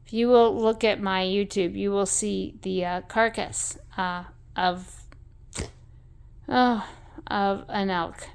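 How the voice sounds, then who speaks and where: A woman's voice: mid-range voice, steady tone, takes it slowly, vocal fry, a little hiss or hum. A woman telling a rambling story in a blunt, salty way, full of fillers and asides. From American West.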